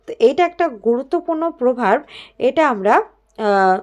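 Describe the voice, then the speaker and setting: A woman teaches an exam-prep grammar lesson in a fairly high voice. She explains each answer step by step and reads the example sentences out slowly. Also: expressive, darkish tone.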